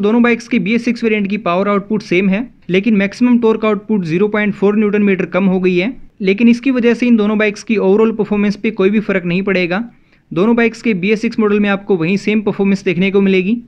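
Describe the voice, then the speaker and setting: Narrating a scripted motovlog, an Indian man speaks to his audience as friends, his voice sitting high. The voice-over comes across as flat and a bit lo-fi.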